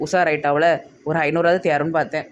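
A woman's voice: low voice, flat delivery, fast talker, muffled recording, natural voice. A woman playing a chatty, easily scared young village woman in a comedy skit, with a Tirunelveli Tamil accent and exclaiming banter. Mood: teasing.

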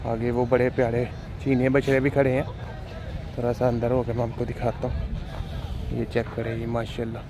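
A vlogger walks through an outdoor livestock market under tents, narrating his video in a flat, repetitive way and praising the animals again and again. His medium-pitched voice moves at a normal speed, with outdoor noise behind it.

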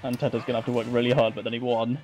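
A man doing lively, casual play-by-play commentary with quick reactions. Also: medium pitch, slight background noise. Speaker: esports commentator.

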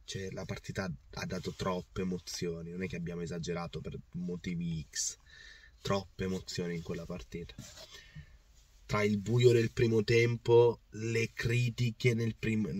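A hoarse football fan vlogger, voice worn out, rambles passionately through a casual match recap to camera from his parked car, restarting and repeating himself. His voice is low and a little mellow, captured at a distance by a phone or camera on the dashboard.

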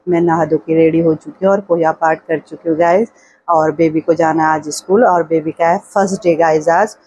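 A woman's voice: deep voice, steady tone, moderate pace, dark tone, slight background noise, poor audio. A woman vlogging at home with a handheld phone, speaking casual Hindi with a Rajasthani accent. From India. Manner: coaxing sing-song baby talk. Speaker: vlogger and mother.

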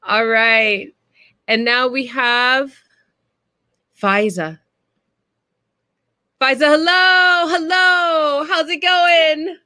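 Bright, effusive woman hosting an online event. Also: sits high, fairly even intonation, very slow, pauses often, dry recording, clean studio sound. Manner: warm-hearted, effusive, repeats words. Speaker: event host. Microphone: webcam video call.

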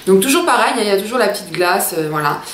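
Talking fast and animatedly in a mid-range voice, a woman in her thirties gives a casual makeup review to camera from a small room indoors at home. She's an enthusiastic beauty vlogger who addresses her viewers as girls, and the sound is roomy with slight background noise.

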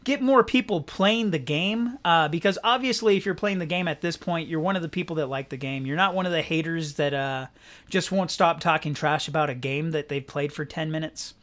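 A man's voice: on the high side, a little fast. A young man hosting a gaming channel, giving casual, rambling commentary with lots of fillers. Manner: relaxed, rambling, many fillers.

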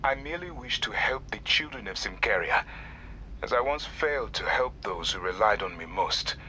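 Grave, guarded, guilt-burdened exile. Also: male voice, fairly low pitch, lively intonation, sharp tone, a little hiss or hum, low-quality recording. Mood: solemn, guarded. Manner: formal, measured, grave. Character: solemn, guarded foreign man burdened by guilt. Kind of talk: video game dialogue.

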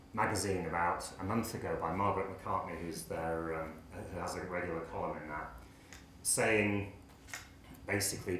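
A man's voice: sits low, slight background noise. A man in his sixties with an English accent, giving a conference speech at a lectern in a lecture hall, wry and impassioned, talking with his hands. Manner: animated, gesturing, wry and impassioned. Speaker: pharmacy academic speaker.

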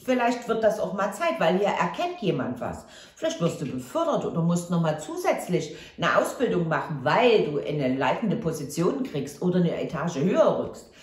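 A woman's voice: medium pitch, echoey room. A woman giving a casual tarot reading to camera, chatty and reassuring, often tagging on a questioning "ja?". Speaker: tarot reader.

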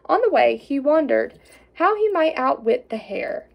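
A woman's voice: high voice, measured pace, creaky, dull audio. Woman reading a storybook aloud. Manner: expressive reading with small slips and asides.

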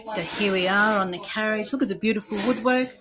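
A woman narrates a casual walking tour in a chatty, eager way, pointing things out as she goes. She records on a handheld camera aboard a moving train carriage. Loud rattling train noise runs under her voice. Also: mid-range voice, fairly quick. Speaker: travel vlogger host.

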